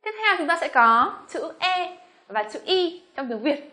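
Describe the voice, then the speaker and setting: A Vietnamese woman teaching English pronunciation, speaking slowly on her model words between quicker explanations. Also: high-pitched, very animated, sharp tone. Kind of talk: pronunciation lesson.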